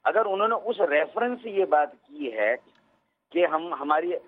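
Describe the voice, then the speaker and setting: A man's voice: on the high side, lively intonation. Insistent man on a tinny phone line. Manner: insistent, talks over the host. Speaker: politician guest on phone line. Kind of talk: political debate on a phone line.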